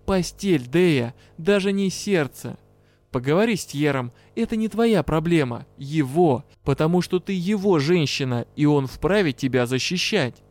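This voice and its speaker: A man voicing a brash male dark elf partner in an audiobook, gruff, teasing and bluntly scolding. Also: on the high side, lively intonation, a little slow, no echo. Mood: firm. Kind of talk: audiobook character voice.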